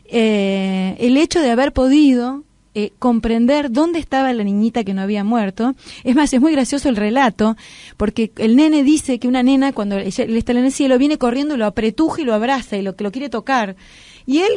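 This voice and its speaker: A middle-aged woman with a Rioplatense accent, hosting a radio talk show and retelling a story with lively acted-out quotes. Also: a little high, a little fast, no echo. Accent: Rioplatense Spanish. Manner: animated storyteller who acts out quoted voices.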